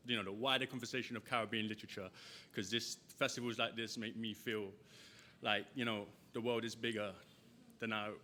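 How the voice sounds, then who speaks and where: Bright-voiced poet reading live. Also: male voice, fairly low pitch, slight background noise. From England. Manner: rhythmic, emphatic delivery of verse, chatty asides. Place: festival stage before an audience.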